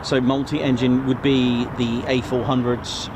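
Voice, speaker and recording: A man's voice: medium pitch, flat delivery, a little slow. An English man casually commenting and explaining aircraft on a livestream outdoors by an airfield, with fillers as he talks. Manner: chatty, explains aviation details with fillers. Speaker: plane-spotting livestream host. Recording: outdoor field recording with loud aircraft noise.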